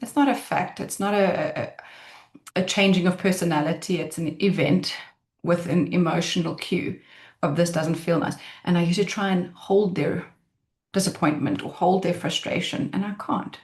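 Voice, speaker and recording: A woman giving a conversational talk on the mind, animated and acting out inner thoughts in quoted voices, speaking into a computer mic on a video call. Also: on the low side, moderate pace. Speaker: mindset speaker. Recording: roomy echo.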